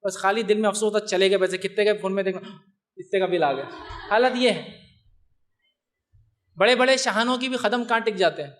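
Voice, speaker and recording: A man lecturing an audience on a religious topic, lively, with rhetorical questions and teasing humor. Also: high voice, long pauses.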